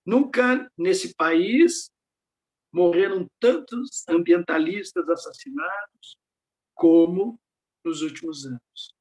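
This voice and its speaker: A man's voice: sits high, takes it slowly, darkish tone. An older man speaking as an invited lecturer over slides on a video call, reflective and fond of rhetorical questions. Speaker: invited speaker at a research network meeting. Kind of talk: academic talk over slides.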